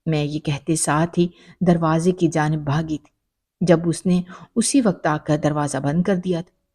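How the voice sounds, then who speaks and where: A woman's voice: deep voice, fairly even intonation, mellow. A woman telling a dramatic first-person story in an emotional narrating style.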